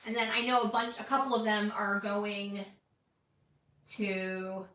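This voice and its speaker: Hiccuping throughout, a chatty scrapbooking vlogger talks while she crafts, rambling and self-deprecating. Her mid-range voice is fairly bright, unhurried and fairly even in intonation, with the mic set back in an echoey room.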